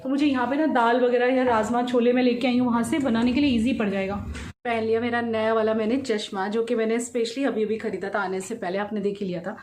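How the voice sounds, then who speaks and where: A woman in her thirties vlogs casually into a handheld phone, switching between Hindi and English words. Her voice sits a little high, and a faint background hiss runs under it. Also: steady tone, fast, a little mellow. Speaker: daily vlogger. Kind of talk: casual vlog narration to camera. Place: indoors at a resort, then outdoors on a scooter ride.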